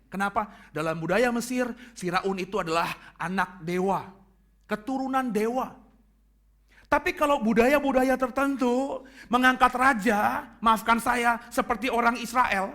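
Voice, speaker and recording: Pastor preaching, very high bright voice, drops to a hush then shouts. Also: male voice. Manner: dramatic, swings from hushed to shouting. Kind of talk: sermon. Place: church.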